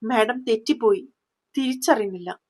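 A woman voicing a nervous, fawning male police inspector in a storybook tale, with a slightly high voice. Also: moderate pace, lightly acted. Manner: fawning, then stammering.

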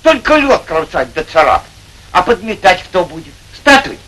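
An indignant old grandfather in a vintage Soviet film. He grumbles and scolds in swooping questions, high in pitch, over a very noisy old soundtrack. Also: very animated, moderate pace. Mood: grumbling, indignant. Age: older. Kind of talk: 1930s-40s Soviet film acting.

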